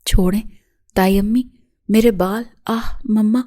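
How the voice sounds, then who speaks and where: A woman's voice: mid-range voice, fairly even intonation, dark tone, lightly acted. A woman voicing a frightened young female student who pleads through tears and stammers. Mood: tearful pleading.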